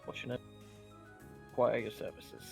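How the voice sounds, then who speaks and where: A man's voice: moderate pace, soft background music. Man on glitching, cutting-out voice chat. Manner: putting on an accent for his character. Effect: glitching, cutting-out voice chat audio. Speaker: tabletop role-play player. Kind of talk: in-character role-play over voice chat. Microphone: headset.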